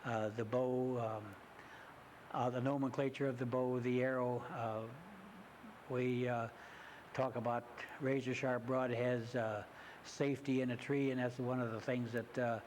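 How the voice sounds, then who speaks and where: A man who teaches hunter education, answering interview questions in a halting way with many hesitations, in a community TV studio. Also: mid-range voice, flat delivery, darkish tone, a little hiss or hum.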